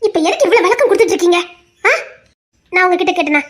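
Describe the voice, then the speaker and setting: A man voicing a gentle young wife who talks in quick, earnest questions. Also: extremely high pitch, lively intonation, pitched above the performer's own voice. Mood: reassuring.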